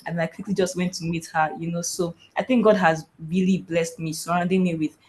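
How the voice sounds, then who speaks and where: A woman's voice: on the low side, steady tone, fairly quick, a little mellow, slight background noise, rough recording. A woman from Nigeria, a panel guest on a video call, telling her story with earnest, faith-filled conviction. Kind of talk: personal testimony on a video call.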